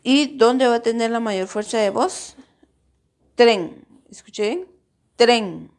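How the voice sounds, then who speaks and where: A woman's voice: a little high, normal speed, darkish tone. A woman teacher explaining a grammar lesson to her pupils, patiently stretching out syllables to show where the stress falls. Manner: addresses pupils directly.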